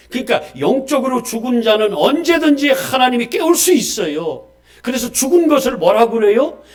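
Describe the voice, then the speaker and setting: A man preaching a Sunday morning sermon with a fairly high voice. He swings from loud, emphatic declarations to quiet, low asides. He keeps putting questions to the congregation and calling for amens. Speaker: pastor.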